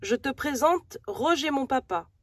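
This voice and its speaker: A woman's voice: high-pitched, animated, measured pace, a bit bright, dry recording, clean studio sound. A woman voicing a friendly, proud young male calf in a storybook, as if reading to a toddler.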